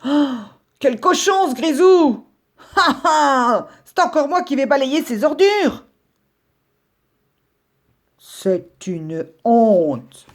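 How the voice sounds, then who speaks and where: A woman voicing a grumpy male brown rabbit who scolds his neighbour loudly and indignantly. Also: lowish voice, big pitch swings, drawn-out words, exaggerated voice.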